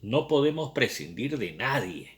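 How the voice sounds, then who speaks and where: A man's voice: mid-range voice, big pitch swings, unhurried, pitched above the performer's own voice. A man reading aloud, voicing a shocked, tearful young woman with raised, pleading exclamations. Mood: scandalized.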